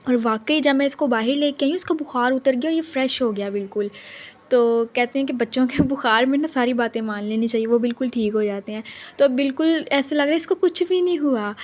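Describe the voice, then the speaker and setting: Young woman, mother vlogger, slightly high-pitched, chatty, casual narration. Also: a little fast, darkish tone. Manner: chatty, talks straight to viewers.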